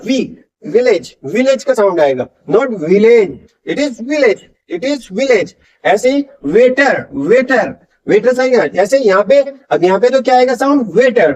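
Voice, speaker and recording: A man teaching English pronunciation in a classroom-style lesson, drilling words by slow repetition and answering his own questions. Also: very high-pitched, darkish tone. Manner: asks questions and answers them himself.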